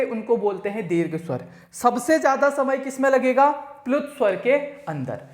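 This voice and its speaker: Slow, patient male teacher in echoey room. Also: very high voice. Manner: repeats key points and quizzes the viewer; drawn-out, stretched vowel demonstrations. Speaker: exam-prep teacher. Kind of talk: Hindi grammar lesson for exam students.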